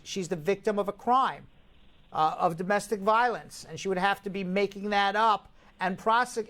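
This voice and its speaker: A man's voice: high voice, fairly bright tone. A man hosting a live call-in advice show, talking bluntly and emphatically and repeating his points.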